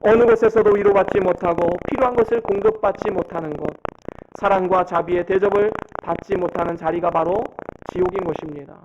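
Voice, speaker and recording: A man's voice: high voice, fairly even intonation, fairly quick. A man in his thirties preaching a sermon as a pastor, earnest and storytelling, acting out quotes from his family. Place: church sanctuary. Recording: dull lo-fi sound with noticeable background noise.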